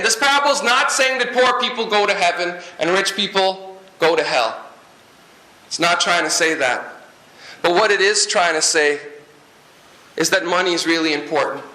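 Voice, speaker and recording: A pastor from Guyana delivers a lively sermon, working jokes and asides into his preaching. His voice is high and bright. It echoes around a reverberant church hall.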